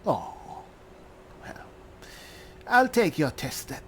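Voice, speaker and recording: A man playing a pompous old high elf spellsword. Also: very animated, slow, background noise. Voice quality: genteel, mannered courtesy. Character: elderly male high elf spellsword, pompous, self-assured. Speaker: roleplaying game player. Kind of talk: in-character game roleplay.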